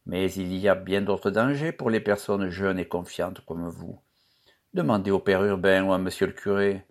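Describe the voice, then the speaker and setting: Man as a shy, honest young worker in a storybook, quiet and low-pitched. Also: fairly even intonation, moderate pace. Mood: earnest. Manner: soft, earnest. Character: shy earnest young male charcoal burner.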